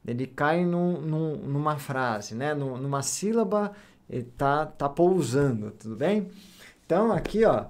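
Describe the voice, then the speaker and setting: A man's voice: on the high side, lively intonation, a little slow, a little mellow. A man teaching music theory, explaining patiently step by step, counting beats aloud and checking in with short questions.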